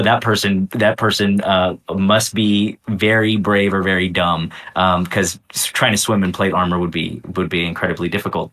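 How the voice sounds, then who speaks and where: A game designer chatting enthusiastically in a casual livestream Q&A, rambling and laughing often. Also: male voice, lowish voice, fairly bright tone.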